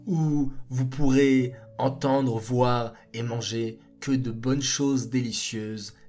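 A man narrating a story for children in an expressive way, speaking to them directly. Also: mid-range voice, slow pace. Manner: animated and expressive.

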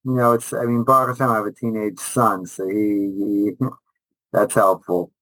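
A middle-aged rabbi and teacher answers interview questions conversationally, enthusiastic and emphatic, repeating phrases and often restarting. His voice is lowish and a bit bright at a moderate pace, on a dry, rough recording.

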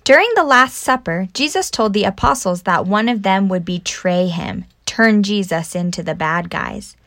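A woman podcast host telling stories to children in an animated, simple explaining way, recorded at home without a proper mic. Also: mid-range voice, moderate pace, no room sound. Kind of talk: scripted children's storytelling podcast.

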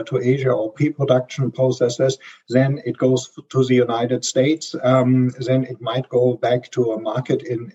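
A German man with a strong accent, a supply chain consultant guest, answers interview questions and hesitates often with ums and restarts. His voice is mid-range, dark and a bit breathy, and the audio is dull.

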